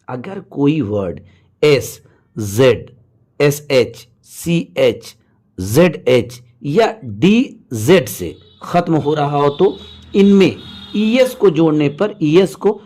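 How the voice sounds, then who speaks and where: A man with a slightly higher voice gives a patient pronunciation lesson. He works through lists of words one at a time and corrects the usual mistakes as he goes. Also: a little mellow. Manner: patient, drills word lists slowly with corrections. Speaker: English pronunciation teacher. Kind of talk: explanatory lesson.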